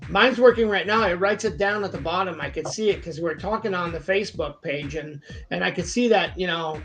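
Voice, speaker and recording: A man's voice: high voice, brisk, a bit bright, soft background music. A man co-hosting a podcast, chatting casually in loose, sometimes broken phrasing. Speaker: podcast co-host. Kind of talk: casual chat.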